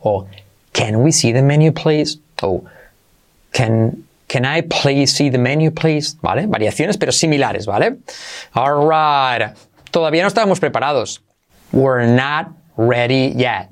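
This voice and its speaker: A man's voice: mid-range voice, expressive. Upbeat man drilling English phrases. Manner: switches between English and Spanish, repeats phrases slowly for drilling; upbeat, encouraging. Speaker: English teacher and channel host. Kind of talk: online language lesson.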